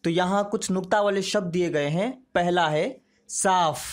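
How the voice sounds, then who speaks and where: A teacher giving a slow, carefully articulated pronunciation lesson, demonstrating sounds and reading out word lists for practice. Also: mid-range voice. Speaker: Hindi teacher.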